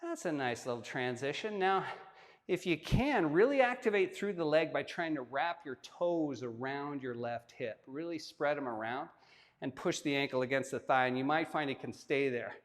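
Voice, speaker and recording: Man, yoga instructor, slightly high voice, joking asides, long echoing reverb. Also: moderate pace. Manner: relaxed, joking asides while demonstrating. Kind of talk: guided yoga class instruction.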